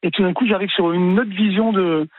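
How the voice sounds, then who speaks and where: A man in his sixties speaks on a tinny, dry phone line, and his voice sits high for a man. He tells his story haltingly, stalling and repeating words as he goes. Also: fairly even intonation, dry recording. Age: 60s. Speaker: caller. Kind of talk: telling his life story on a call-in show.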